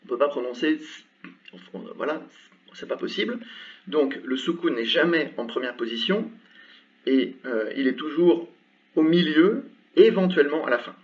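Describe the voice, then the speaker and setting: A man teaching an Arabic lesson, explaining patiently and sounding out example syllables slowly with many hesitations. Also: a little high, lively intonation. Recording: dull sound from a distance from the mic.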